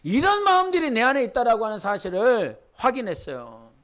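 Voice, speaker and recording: A pastor delivers a sermon in a very high-pitched male voice. He walks his congregation through scripture, reading it aloud with them. Then he builds to fervent, rousing exhortation. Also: huge pitch swings, brisk, fairly bright tone. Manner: leads congregation in Bible reading.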